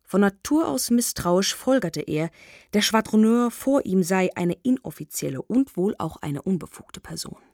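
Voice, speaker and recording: A woman reading a novel aloud in measured, expressive scripted narration. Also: mid-range voice, dry recording, clean studio sound. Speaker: audiobook reader.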